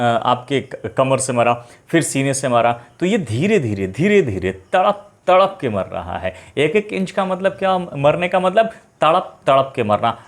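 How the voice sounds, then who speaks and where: A male teacher explaining English idioms for exams, asking the class questions and slowing down to read each phrase. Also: mid-range voice. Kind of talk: exam-prep idioms lesson. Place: online live class.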